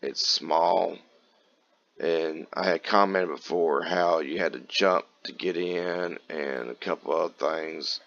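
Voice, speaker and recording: A low-voiced man from Kentucky talks through a farming game in a relaxed, rambling way. His voice is gravelly and raspy, as if he has just gotten out of bed. The recording sounds a little dull and lo-fi. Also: slow. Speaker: gaming channel host. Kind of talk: casual gameplay commentary.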